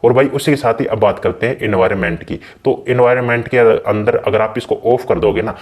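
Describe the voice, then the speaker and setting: A man's voice: lowish voice, brisk. A man hosting a gaming channel, casually walking viewers through a game's settings in a chatty way and often calling them brother. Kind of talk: casual game settings walkthrough.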